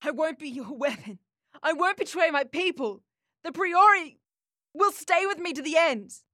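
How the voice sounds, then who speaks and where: Captive young woman mage, high and bright, defiant, put on by a male narrator. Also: expressive, moderate pace, dry recording, studio quality, exaggerated voice. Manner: strained, desperate outbursts. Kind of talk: audiobook character voice.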